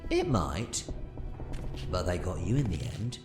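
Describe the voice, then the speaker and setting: A man playing an excitable, defiant time-travelling adventurer in an audio drama, theatrical and mercurial. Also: deep voice, a little slow, reverberant, soft background music, full character voice. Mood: grave, defiant. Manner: theatrical, swinging from grave to gleeful.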